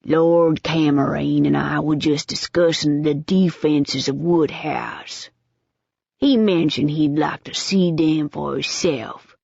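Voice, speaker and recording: A woman voicing an elderly, refined Southern gentleman with an old Southern accent, speaking slowly and swallowing his R's. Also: deep voice, steady tone, vocal fry, slightly rough, no echo, exaggerated voice. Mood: courteous. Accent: old Southern American. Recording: dull, dry audiobook recording.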